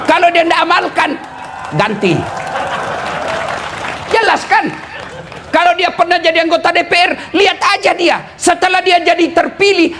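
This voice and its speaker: A man from eastern Indonesia with a lilt, preaching a humorous sermon to a live audience, teasing and often shouting and laughing. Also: very high voice, background noise. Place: live event before an audience.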